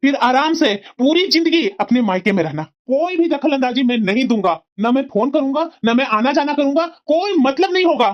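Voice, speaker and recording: A woman gives voice to a firm, upright young husband in a cartoon family drama. He lectures steadily and reproachfully, pitched fairly high. The sound is dull and lo-fi. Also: expressive, brisk. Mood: stern.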